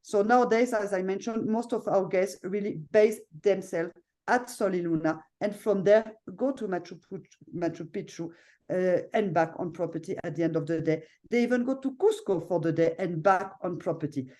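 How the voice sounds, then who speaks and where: Speaking in a mellow, medium-pitched voice at normal speed, a middle-aged hotel owner with a French accent gives a chatty video-call tour of her property. Fillers and tag questions come often, especially "no?" and "you know."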